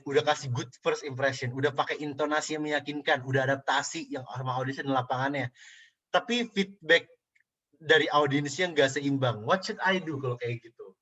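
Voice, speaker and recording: A man's voice: on the high side, sharp tone, low-quality recording. Casual young man teaching public speaking. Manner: casual slang, mixes English phrases in, frequent fillers. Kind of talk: casual online class answering questions.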